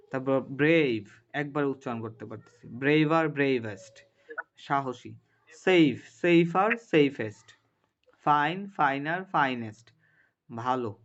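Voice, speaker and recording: Man teaching a grammar class. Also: fairly high pitch. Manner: drills word lists slowly, checks in often with the class. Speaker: English teacher. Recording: muffled lo-fi classroom recording.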